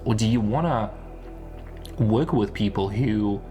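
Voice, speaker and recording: A man with a lowish, warm voice speaks a little slowly over faint background music. He is an online content creator delivering an unscripted, rambling one-take monologue, repeating phrases and asking rhetorical questions.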